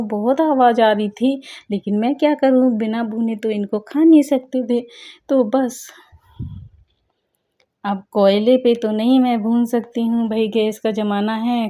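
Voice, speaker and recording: A woman's voice: fairly high pitch, warm tone. A middle-aged woman narrating her home vlog in a chatty, playful way, joking with viewers as she goes. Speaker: vlogger.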